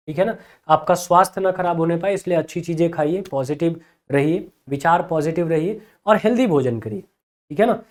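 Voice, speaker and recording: A male teacher with a Hindi accent and a high, somewhat mellow voice offers students exam advice in an encouraging tone. He keeps checking in with them, often repeating "theek hai na" (ठीक है ना).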